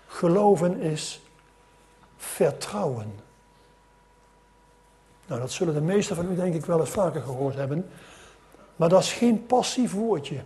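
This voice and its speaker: A middle-aged male preacher with a fairly high voice tells a parable to his congregation. His delivery builds in loudness at the key moments and falls back into a quieter, reflective tone, with hesitations and restarts along the way. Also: expressive, unhurried, long pauses. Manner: storytelling, with many restarts and rising emphasis. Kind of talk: sermon.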